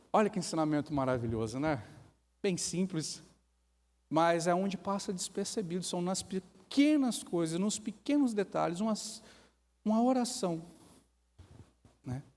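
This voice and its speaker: A Brazilian man preaches in a church, his voice sitting a little high for a man. He drives his points home with rhetorical questions and brief acted-out quotes. A long reverb from the hall trails behind each phrase. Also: darkish tone. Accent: Brazilian Portuguese. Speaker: pastor. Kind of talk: sermon.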